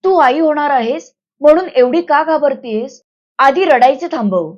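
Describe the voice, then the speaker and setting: A woman's voice: high voice, animated, unhurried, a little mellow. A woman reading the lines of a strong-willed village man who speaks firmly and reassuringly, on a slightly dull recording. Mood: firm, tender.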